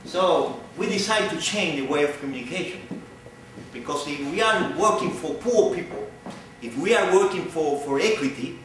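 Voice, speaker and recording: Speaking at a moderate pace in a slightly high, expressive voice, a visiting lecturer from Cuba addresses the public with earnest conviction. He's middle-aged, a native Spanish speaker with a Cuban accent, and he tends to repeat phrases as he hunts for words. The sound is distant and echoey, captured across a large hall with noise in the background.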